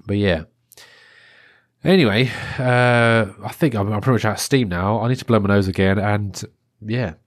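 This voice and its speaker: Congested from a cold, the thirtysomething host of a solo podcast speaks at normal speed in a fairly low voice. He's chatty and meandering, with many restarts and fillers, and the clean studio audio carries no room sound.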